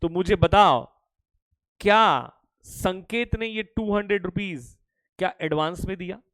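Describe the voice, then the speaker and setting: A man from India teaching an accounting lecture live, teasing students and repeating questions to urge quick answers. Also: sits high, a bit bright, no room sound, poor audio. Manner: mixes Hindi with English accounting terms. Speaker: commerce teacher.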